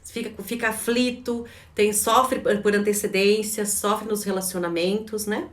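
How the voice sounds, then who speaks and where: A Brazilian woman coaching a live online class, relaxed and chatty, ending nearly every phrase with a questioning tag. She often restarts and repeats words as she thinks aloud. Her voice sits at a middling pitch and sounds roomy, as if the mic is a little way off. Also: a little slow, recorded from a distance. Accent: Brazilian Portuguese. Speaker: behavioral coach.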